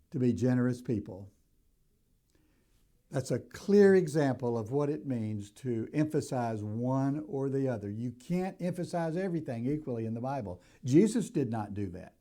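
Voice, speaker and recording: An older man preaching a sermon in a deliberate, emphatic way, stressing key words as he teaches. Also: medium pitch, warm tone. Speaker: pastor.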